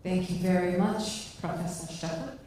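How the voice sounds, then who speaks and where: A woman's voice: lowish voice, dark tone, a little hiss or hum. Woman moderator, distant and echoey. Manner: brisk, organizing. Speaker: session moderator. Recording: distant mic in echoey hall.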